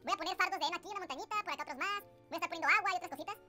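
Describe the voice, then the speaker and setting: A man with a Mexican Spanish accent talking through his gameplay in a chatty way, his voice sped up like fast-forwarded tape into a chipmunk sound. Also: extremely high pitch, loud music behind the voice, pitched above the performer's own voice. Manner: chatty, counts blocks aloud to himself. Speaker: gaming video host. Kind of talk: casual gameplay commentary.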